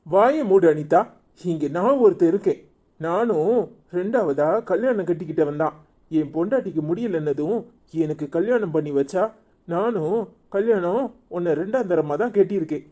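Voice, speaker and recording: Performer doing a mellow-voiced cartoon young husband. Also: mid-range voice, lively intonation, moderate pace, close to an everyday voice. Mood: scolding. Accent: Tirunelveli Tamil. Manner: scolding then coaxing, repeats pleas. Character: young husband, protective and reasoning. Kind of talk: cartoon serial voice acting.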